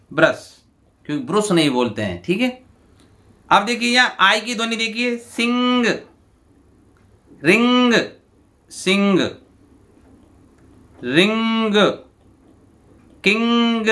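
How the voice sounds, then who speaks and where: A male teacher, going through exam answers and repeating each word slowly to his students. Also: on the high side, bright, forceful tone. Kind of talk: exam answer walkthrough lesson.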